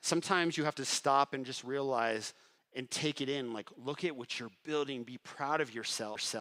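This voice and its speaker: A middle-aged man speaking on stage at a live event, telling his business story with lively, acted-out quotes and swings in loudness. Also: medium pitch, moderate pace. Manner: animated, acts out quoted dialogue with shifting loudness. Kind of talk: motivational storytelling speech.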